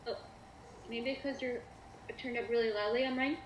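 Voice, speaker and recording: Woman as Sonic, giggly young hero, high and playful, roomy faint-hiss call audio. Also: steady tone, normal speed, highs cut off, close to an everyday voice. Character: Sonic, cheerful young hedgehog hero in training. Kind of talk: live cosplay role-play chat. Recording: echoey live video call.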